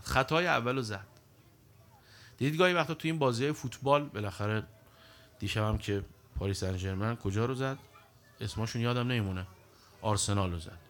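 Speaking at a medium pitch, a middle-aged preacher delivers an emphatic, animated sermon, alternating his own commentary with recited passages of scripture.

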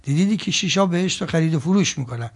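High gravelly man preaching with rising force. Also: expressive. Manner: swells from quiet asides to loud emphatic peaks; chants scripture slowly and loudly. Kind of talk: sermon.

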